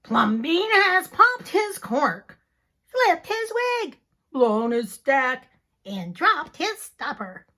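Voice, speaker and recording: Woman doing a mob of shrill, outraged gossiping neighbors in a storybook, loud and drawn out. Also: big pitch swings, drawn-out words, heavily acted. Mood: scandalized. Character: scandalized gossiping neighbors on a tidy street.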